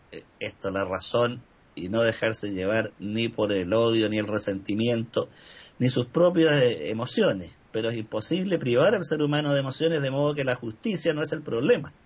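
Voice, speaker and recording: Chilean man, panel speaker, measured storyteller, dull lo-fi sound. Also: mid-range voice, slightly rough. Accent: Chilean Spanish. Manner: measured, digressive, wry asides. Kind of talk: reflective discussion talk with storytelling. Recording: dull lo-fi recording.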